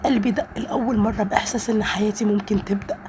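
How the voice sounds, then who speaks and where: A woman's voice: medium pitch, fairly even intonation, very fast, noisy background. A woman with an Egyptian Arabic accent, narrating a first-person story in an earnest, emotional way.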